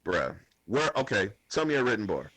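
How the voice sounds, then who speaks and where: A man giving a casual podcast recap, animated and profane, ranting insistently. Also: lowish voice, normal speed, breathy edge, no echo, rough recording. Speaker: podcast guest.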